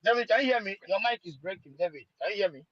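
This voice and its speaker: A man's voice: sits high, lively intonation, rapid-fire, breathy edge. A man on a conference call, urgently checking whether the others can hear him. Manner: urgent, repeatedly checking if heard. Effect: conference call audio. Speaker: call participant. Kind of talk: online group call. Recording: dull lo-fi call line.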